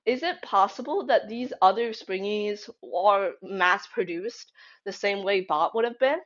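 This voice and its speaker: Speaking at a measured pace in a mid-range voice, a young woman who creates fan theory videos gives casual, emphatic commentary while thinking aloud. The recording is a lo-fi home one with a slightly dull sound.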